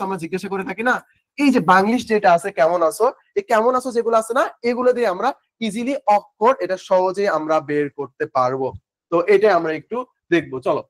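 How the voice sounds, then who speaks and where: A man's voice: sits high, no room sound. A young man teaching an exam-prep lesson, asking questions and answering them himself in a casual manner. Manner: asks questions and answers them himself, repeating key terms; informal, mixes English words into speech. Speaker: admission test tutor. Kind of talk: online exam-prep lecture.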